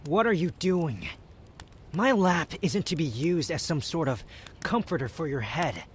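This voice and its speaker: A man's voice: fairly high pitch, expressive, a little slow, slight background noise. A man playing an aloof, prickly young wanderer in a romantic roleplay ASMR, speaking in dry, formal phrases with reluctant tenderness. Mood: irritated, threatening.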